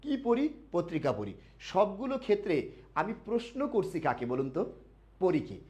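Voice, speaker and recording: During a live online grammar class for admission students, a man asks questions, answers them himself, and repeats key words slowly. His high voice swings hugely in pitch and is a little mellow, and the audio is dull.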